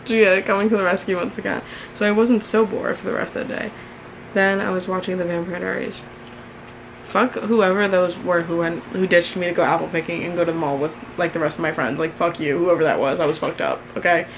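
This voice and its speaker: A woman's voice: fairly low pitch, steady tone, a little fast. Embarrassed American woman reading her diary, noisy recording. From New York, United States. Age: early 20s. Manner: self-mocking, mildly embarrassed, candid, sweary. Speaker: vlogger. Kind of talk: casual diary reading with chatty commentary. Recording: clearly noisy room ambience.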